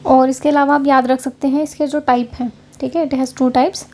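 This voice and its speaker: Speaking at a normal speed, a woman from Haryana, India, gives a casual slide-based lecture for an online exam-prep class, keeping it conversational and often checking on her listeners. Her voice is high and darkish in tone, with a level delivery.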